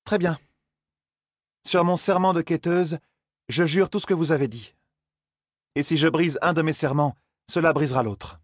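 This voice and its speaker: A man puts on a defiant young woman in this storybook reading, pitched well above his own voice. She is quick-tongued and challenging, firing off pointed questions. The sound is husky and close, with no room around it. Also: no room sound, close to an everyday voice. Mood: solemn.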